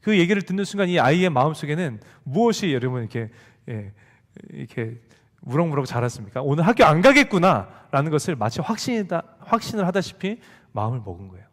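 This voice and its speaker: A man's voice: a little high, fast. A male pastor giving a sermon to a youth group, telling a story and acting out the lines of the people in it. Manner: animated storytelling, acts out quoted dialogue. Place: church sanctuary. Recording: long hall reverb.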